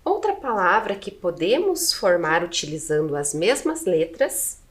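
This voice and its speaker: A woman's voice: fairly low pitch, big pitch swings, unhurried. A Brazilian woman teacher with a Brazilian Portuguese accent, patiently spelling out letters and syllables one by one in a video lesson.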